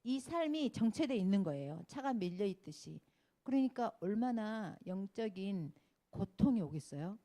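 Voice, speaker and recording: In a church classroom, a woman in her fifties teaches a children's Sunday school sermon, telling stories, acting out the people she quotes, and asking the children questions. Her voice is medium-pitched and mellow, with lively intonation and a moderate pace.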